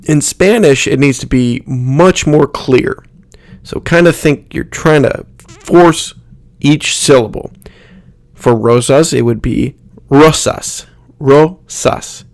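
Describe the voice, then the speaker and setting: A man explaining pronunciation in a lesson, saying example words slowly and repeating them. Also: medium pitch, creaky, dry recording, clean studio sound. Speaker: Spanish pronunciation teacher. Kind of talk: instructional explanation with spoken examples.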